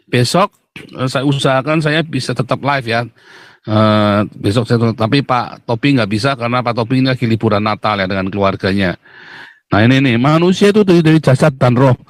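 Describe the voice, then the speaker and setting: A man's voice: mid-range voice, dry recording. Host, man, preachy and scornful, mid-range voice, dry room. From Indonesia. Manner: blunt, mocking, lecturing, addresses viewers as "saudara". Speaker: live stream host. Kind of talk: live stream religious commentary.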